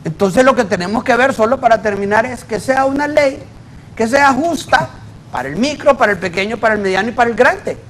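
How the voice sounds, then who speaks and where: Male auditor guest, high-pitched, emphatic and explanatory. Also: expressive, a little fast, a bit bright, a little hiss or hum, rough recording. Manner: emphatic, explains with worked examples. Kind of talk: debate in a TV interview.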